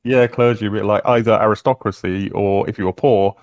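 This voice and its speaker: A man's voice: on the low side, fairly even intonation, moderate pace, darkish tone, dry recording, studio quality. A man from Britain co-hosting a casual podcast chat, thoughtful, repeating words as he works out his point. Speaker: podcast co-host.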